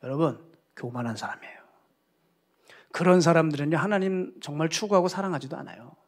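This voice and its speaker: Animated storytelling male pastor. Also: a little high, brisk. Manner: animated storytelling, acting out quoted voices. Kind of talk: sermon.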